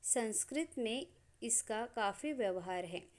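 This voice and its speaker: A woman teaches a grammar lesson in a fairly high voice. She goes slowly and deliberately, spelling out each sound in turn with measured pauses. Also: expressive, a little mellow. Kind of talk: slow explanatory lesson.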